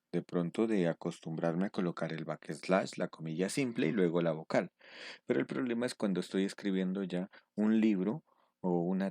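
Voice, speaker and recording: A man teaching step by step in a screen-recorded tutorial. He pauses often to check in with his students. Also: lowish voice, warm tone, no echo, studio quality. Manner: patient step-by-step explaining, checking in with a questioning "mm". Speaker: instructor.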